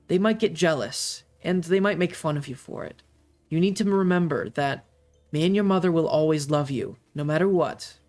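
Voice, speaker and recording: A game master voicing a calm, loving father in a tabletop game, speaking slowly and soothingly. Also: mid-range voice. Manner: slow, soothing.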